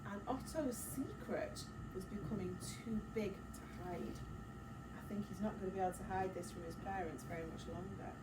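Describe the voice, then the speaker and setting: Here a woman teacher reading a picture book to kids speaks at medium pitch and normal speed. She reads with expression and dramatic gasps, pausing for encouraging questions and side comments. The audio is roomy and distant, with clear background noise.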